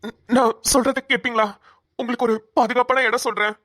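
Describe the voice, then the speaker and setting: A woman's voice: a little high, steady tone, fairly quick, a bit bright, no room sound, studio quality. A woman voicing an earnest, protective young male police officer in a cartoon, talking urgently and stammering at times. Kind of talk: cartoon voice acting.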